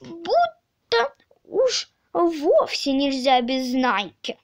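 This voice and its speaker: A woman voicing a boastful, stubborn little boy who shouts indignantly in a storybook reading. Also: sits high, big pitch swings, very slow, no room sound, clean studio sound, full character voice.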